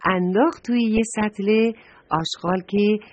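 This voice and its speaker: A woman's voice: mid-range voice, darkish tone, muffled recording, slight background noise, natural voice. Woman doing a little storybook sparrow. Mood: reassuring. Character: small cheerful sparrow.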